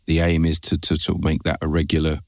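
Deep-voiced interviewer, dry close sound. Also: male voice, monotone, brisk, gravelly, no room sound. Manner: hesitant phrasing, repeats words, agreeable. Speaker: interviewer, podcast host. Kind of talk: conversational interview.

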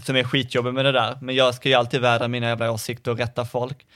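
A man's voice: medium pitch, completely flat delivery, fairly bright tone, no echo, studio quality. Chatty Swedish man on a podcast. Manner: chatty, acts out his own past remarks. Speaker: podcast co-host. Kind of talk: casual chat.

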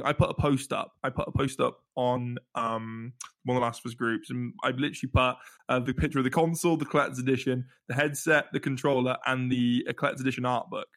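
A man hosting a casual podcast chat, excitable and stammering over his words. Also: mid-range voice, creaky.

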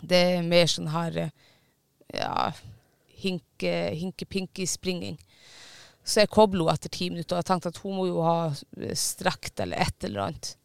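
This is a man with a high voice telling a story casually, dropping the occasional curse word and pausing on fillers. A gravelly fry runs under an otherwise clear, smooth tone. The recording is dry and close, without any room sound.

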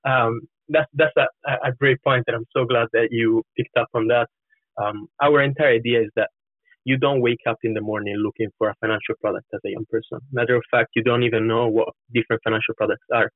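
Answering interview questions on a podcast, a Florence-born startup co-founder in his twenties speaks briskly with an Italian accent. His mid-range voice keeps a steady tone as he explains things earnestly. The audio is roomy, narrow, and muffled, like a call.

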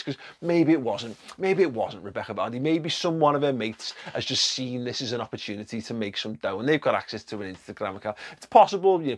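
A man hosting an online video, talking in a casual, sarcastic way, with swearing, laughing asides and rambling restarts. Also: mid-range voice. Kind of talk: casual spoken commentary.

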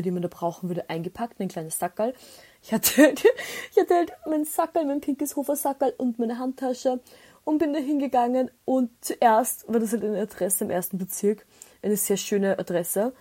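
A woman's voice: mid-range voice, dark tone. A young woman chatting casually as a podcast host, rambling through a story with many fillers.

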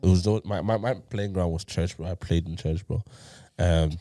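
A man's voice: low voice, steady tone, normal speed, dark tone, dry recording. A young man chatting casually and telling stories in slangy talk, often repeating phrases and calling people bro. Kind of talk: casual chat, animated storytelling.

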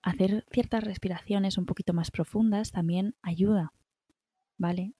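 This wellbeing guest is a middle-aged Spanish woman with an accent from Spain, giving reassuring, encouraging self-care tips in conversation and frequently adding small tag questions to check in. She speaks at medium pitch, a bit slowly, with fairly even intonation and a dark, breathy-edged tone.

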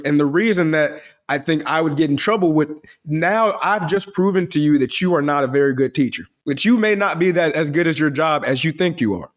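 A man with a voice that carries, telling stories on a podcast in a loose, rambling way, full of slang and restarts. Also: on the high side. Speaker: podcast co-host. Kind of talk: casual podcast chat.

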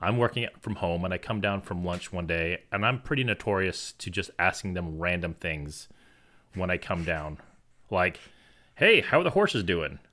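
A man's voice: low voice, fairly even intonation, moderate pace, sharp tone. A man in his thirties, a podcast co-host, telling playful stories in casual chat. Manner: playful, jokey storyteller.

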